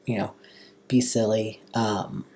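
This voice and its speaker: A young American man with a slightly husky voice and a valley girl way of talking, chatting casually in a personal vlog. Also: lowish voice, flat delivery, a little mellow. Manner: valley girl inflection, drawn-out casual phrasing. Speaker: vlogger.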